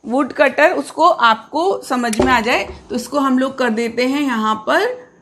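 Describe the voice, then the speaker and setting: A woman with a high, light voice teaches a grammar lesson. She explains patiently, repeats key words and asks her pupils questions along the way. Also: expressive, measured pace, fairly bright tone, a little hiss or hum. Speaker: English teacher.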